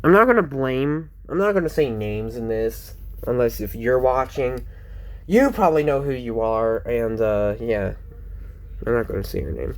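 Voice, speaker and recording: A man's voice: mid-range voice, lively intonation, moderate pace, a little mellow. Teen boy rambling on a home vlog, tons of ums and restarts, sounds kinda teary. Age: teens. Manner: rambling, many fillers and self-corrections. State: sounds close to tears. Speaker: vlogger.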